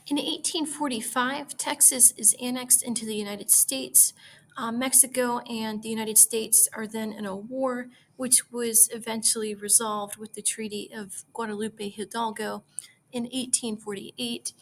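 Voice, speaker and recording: A woman's voice: on the high side, fairly even intonation, a little slow, slight background noise. A young woman student giving an informative class presentation outdoors, with frequent ums. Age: young adult.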